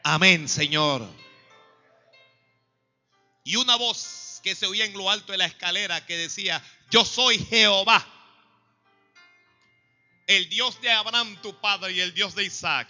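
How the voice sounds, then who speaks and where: A man preaching a sermon, calling on the congregation to answer back and rising to loud exhortations. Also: sits high. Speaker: pastor. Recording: dull lo-fi recording with faint music.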